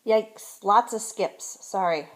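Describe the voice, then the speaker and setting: A woman teacher closes a lesson in a relaxed, casual way, apologizing for skips and setting homework. She talks slowly and unhurriedly. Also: mid-range voice. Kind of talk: casual class wrap-up.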